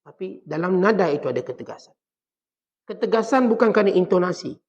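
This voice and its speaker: A man with a Malaysian Malay accent preaching to a congregation, often acting out the quoted speakers in soft and in harsh voices. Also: high voice, lively intonation, brisk. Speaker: religious teacher. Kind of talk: sermon. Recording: dull lo-fi recording.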